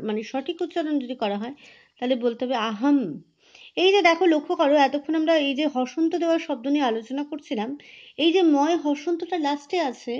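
A woman's voice: high-pitched, lo-fi sound. A woman teacher, explaining a lesson in a patient way and often correcting herself. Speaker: school teacher. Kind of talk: recorded classroom lesson.

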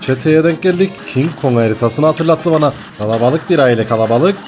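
A young man commentating his gameplay, excitable and jokey, swinging from mock panic to laughter. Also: on the high side, a little fast, faint music behind. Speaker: gaming YouTuber.

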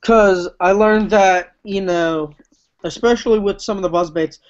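A man's voice: high voice, unhurried. Young man, livestream host, chatty, rambling, fillers, muffled video call sound. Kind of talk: casual chat.

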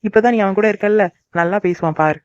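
Woman doing a caring big sister type, talks super fast, soft-hearted, dry dull sound. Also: medium pitch, no echo, natural voice. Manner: rapid, caring, cries easily. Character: cheerful married young woman, soft-hearted elder sister. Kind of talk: cartoon voice acting.

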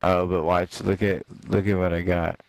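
A man's voice: low voice, flat delivery, normal speed, vocal fry, slight background noise. A young man streaming a game, laid-back and casual, calling his friends dude and bro. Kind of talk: casual gaming chat.

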